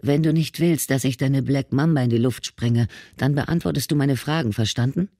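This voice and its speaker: A man's voice: medium pitch, normal speed, mellow, no echo, clean studio sound, voice pushed up, natural voice. A man reading an audiobook, voicing a tough female ex-cop who barks orders. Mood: commanding. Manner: barking orders.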